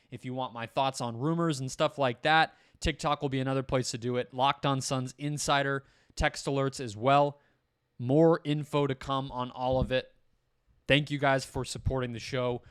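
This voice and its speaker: Young male podcast host, smooth clear voice, dry close mic, chatty and self-deprecating. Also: medium pitch, no room sound. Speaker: podcast host covering a basketball team. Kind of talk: casual solo podcast commentary.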